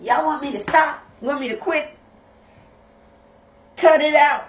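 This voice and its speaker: Middle-aged woman vlogger, unhurried chatty delivery, roomy dull sound from a distant camera. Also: high voice, a little hiss or hum. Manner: slow, repetitive, chatty, addresses viewers as y'all. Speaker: vlogger, mother. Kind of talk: casual direct-to-camera talk.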